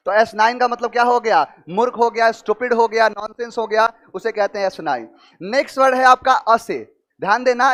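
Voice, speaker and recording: Very high-voiced man teaching vocabulary. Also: fairly bright tone. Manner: explains with rhetorical questions, stretches key words slowly. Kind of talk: exam-prep vocabulary lesson with memory tricks.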